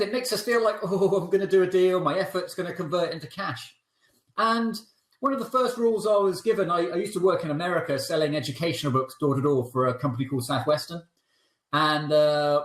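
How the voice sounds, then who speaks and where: A man's voice: high voice, echoey room. A man coaching recruiters in a training video, talking energetically and emphatically.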